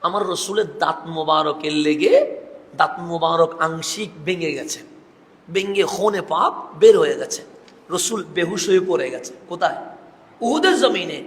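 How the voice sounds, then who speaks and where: A man's voice: on the high side, measured pace. A man preaching an emphatic sermon in a mosque, asking the audience questions and answering them himself. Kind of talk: Islamic sermon. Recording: echoey mosque hall.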